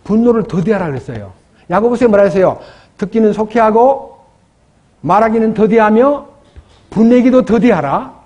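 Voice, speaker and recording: A man's voice: sits high, expressive, moderate pace, pauses often, dark tone, lo-fi sound. A man preaching a sermon as pastor, asking the congregation questions and acting out prayers in his own words. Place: church.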